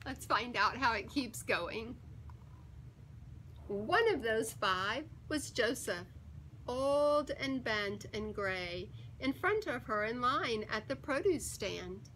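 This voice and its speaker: A woman with a high, bright voice reads a picture book aloud to young children, taking her time and leaning on key words. Her delivery is theatrical, emphatic and expressive, with dramatic pauses. The audio is poor, with a little hiss or hum.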